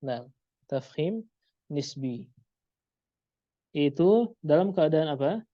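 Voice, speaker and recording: A man leads a pronunciation lesson at an unhurried pace, repeating each sound so it can be copied. His voice is deep-toned and mellow, with no room sound. The audio is a little dull and lo-fi. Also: expressive, no echo. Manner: slow, drawn-out, repeats sounds for demonstration. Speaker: Quran recitation teacher.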